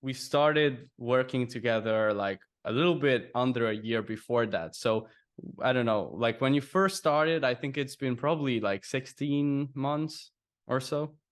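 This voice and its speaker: A man's voice: medium pitch, unhurried. A man hosting a casual interview with his former student, speaking loosely with many fillers. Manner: loose, lots of fillers like "like" and "you know". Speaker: host, business coach.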